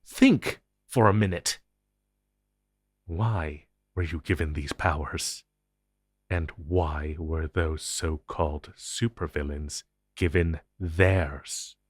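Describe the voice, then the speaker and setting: This intense audio roleplay monologue, addressed to the listener, features a man as a powerful, ancient, possessive supernatural being and grim secret-agency superior. Angry and urgent, his low, husky, exaggerated voice commands gravely with dramatic pauses, captured in a dry, clean studio recording.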